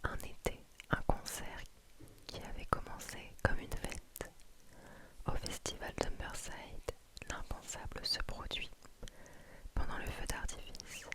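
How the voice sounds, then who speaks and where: A woman whispers throughout in a breathy, unvoiced library hush. She speaks softly and very close to the microphone, in the style of an ASMR reviewer recommending books. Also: unhurried.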